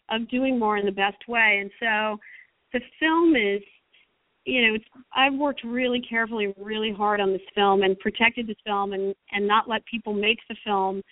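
Guest spot: middle-aged woman, fervent and rambling, slightly high voice, dry tinny phone line. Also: no echo. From United States. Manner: passionate, rambling, frequent restarts. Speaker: screenwriter guest. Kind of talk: phone-in interview.

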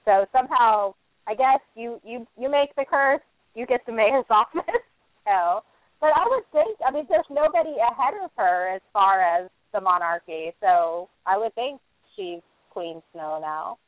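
A woman's voice: fairly high pitch, measured pace, dry recording. A woman co-hosting a casual podcast, chatty and given to dry one-word quips. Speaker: podcast co-host. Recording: dry phone-like audio.

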